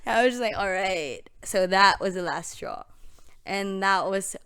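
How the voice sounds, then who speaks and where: A young Filipina podcast guest with a Filipino accent tells stories in casual chat, giggling often, speaking with animation and saying "literally" and "like" constantly. Her voice is mid-range and a little slow, with a clear, resonant, fairly bright tone.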